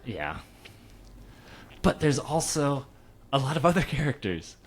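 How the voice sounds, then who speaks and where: A man's voice: mid-range voice, big pitch swings, unhurried, a little hiss or hum. A man co-hosting a podcast in casual chat, talking in a rambling way with many restarts and repeated words. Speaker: podcast co-host.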